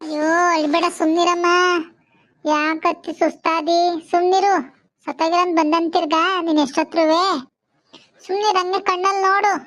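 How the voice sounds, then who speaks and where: A woman voicing an insistent village relative woman in a cartoon, hushing the widow in rural Malnad Kannada. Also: very high voice, fairly even intonation, normal speed, pauses often.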